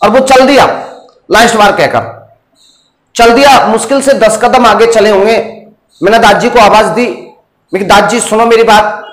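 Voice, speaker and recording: A man's voice: sits high, unhurried, pauses often. A male maths teacher lecturing in a classroom and quizzing his students with questions. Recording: roomy echo.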